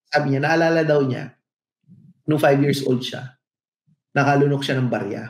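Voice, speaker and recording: A man's voice: mid-range voice, moderate pace. Middle-aged filipino guy cohosting a podcast, thoughtful storyteller, voice bounces around the room a bit. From Philippines. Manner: reflective storytelling. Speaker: podcast co-host. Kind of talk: casual podcast chat, mixing in English. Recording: echoey room.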